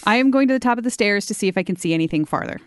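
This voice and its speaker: A woman's voice: mid-range voice, animated, very fast, clear, resonant tone, no echo, clean studio sound. A woman playing a character in a tabletop game, chatty and a little hesitant. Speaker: player. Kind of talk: casual tabletop play.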